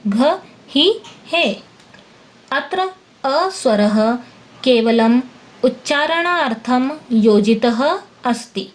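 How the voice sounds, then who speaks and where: Woman teacher, lesson explanation, slow deliberate pace, patient, sounds out letters one by one. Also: on the high side, darkish tone. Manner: slow, patient, spells out each sound and translates word by word. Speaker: Sanskrit teacher. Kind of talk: classroom-style lesson explanation.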